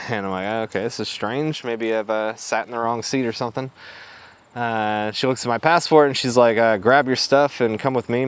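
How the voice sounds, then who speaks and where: A laid-back man recounting a travel mishap in loose, casual chat. He fills his telling with "uh" and "like", swears freely and breaks into short laughs. His voice sits at an ordinary middle pitch. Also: clean tone. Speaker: travel show host. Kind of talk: casual storytelling.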